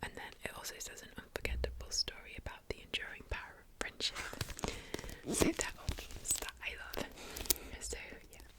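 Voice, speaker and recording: A booktuber whispers softly into a close mic, chatting about books slowly and gently. Tapping sounds accompany this unhurried, whispered ASMR book chat.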